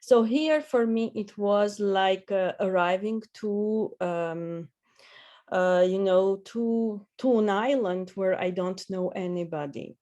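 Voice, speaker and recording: A woman, answering interview questions hesitantly with many pauses and fillers. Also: medium pitch, darkish tone, highs cut off. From Armenia. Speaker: guest.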